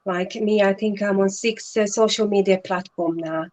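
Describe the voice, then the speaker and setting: A Hungarian woman, a native Hungarian speaker, joins a casual live-stream chat as a guest and online business partner. She speaks earnestly but haltingly, with lots of fillers and restarts, in a mid-range voice with fairly even intonation and a darkish tone.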